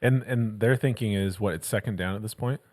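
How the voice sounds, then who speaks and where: A man co-hosting a podcast, speaking in a measured way and asking clarifying questions in casual chat. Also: fairly low pitch, darkish tone. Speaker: podcast co-host.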